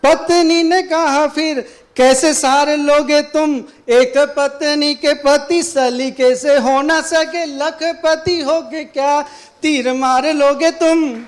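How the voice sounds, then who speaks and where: A man reciting humorous Hindi poetry at a college competition, repeating his lines slowly for effect. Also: extremely high pitch, fairly even intonation. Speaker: poetry contestant. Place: college auditorium.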